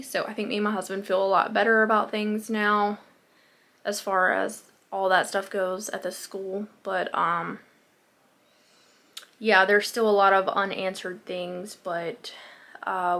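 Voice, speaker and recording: A woman's voice: mid-range voice, vocal fry, a bit bright. A woman talks in a loose, rambling way to her phone camera. She is recording a casual home vlog in a small bedroom. She often reaches for "um" and "like" as she talks. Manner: chatty and rambling, with frequent fillers like "um" and "like". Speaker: lifestyle vlogger. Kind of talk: casual day-in-the-life vlog chat.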